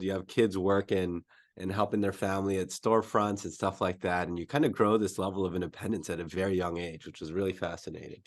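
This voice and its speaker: A man with a lowish voice chats casually as a podcast guest. He owns a mobile home renovation business and comes from the Philippines, having moved to California as a child.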